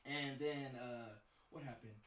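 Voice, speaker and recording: A man, a DJ guest on a podcast, telling a story casually, animated and profane, with a rambling flow. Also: medium pitch, a little slow, roomy sound, distant mic, slight background noise.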